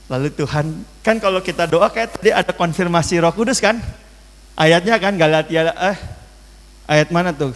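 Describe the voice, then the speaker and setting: A man's voice: high-pitched, normal speed, big-room sound. A man preaching a sermon, telling stories and acting out the voices of the people in them, often turning to his listeners. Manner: animated storytelling, acts out dialogue, often addresses "saudara". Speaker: pastor.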